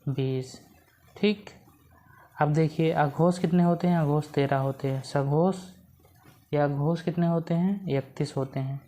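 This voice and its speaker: A woman teaches an exam-prep grammar lesson in a low, dark-toned voice. She keeps asking the class questions and answering them herself. She repeats each key point so it sticks. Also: unhurried.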